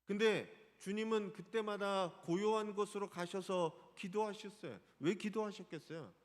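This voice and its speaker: A man's voice: high voice, moderate pace, big-room sound. A male pastor preaching a Sunday sermon in a church sanctuary, asking the congregation questions. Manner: animated, asks the congregation questions.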